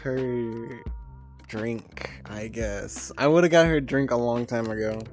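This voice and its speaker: A young woman hosts a casual live stream from home, her VR avatar on screen and soft music playing behind her. She speaks slowly in a very deep voice, meandering through giggly chatter full of swearing.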